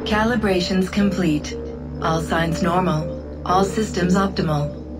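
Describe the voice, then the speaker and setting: An actress voicing a calm female computer system in a video game that makes automated announcements in an even, clipped, formal tone. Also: lowish voice, measured pace, loud music behind the voice, close to an everyday voice.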